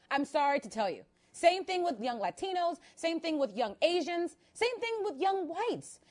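A high-pitched woman speaking on a panel. She talks in an emphatic, direct way, pressing her points straight at the audience. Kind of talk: panel talk.

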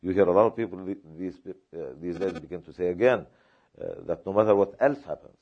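Speaking at a panel discussion, a man from Palestine responds to questions slowly and haltingly, repeating words and leaning on fillers. He has a low voice, and the recording is lo-fi.

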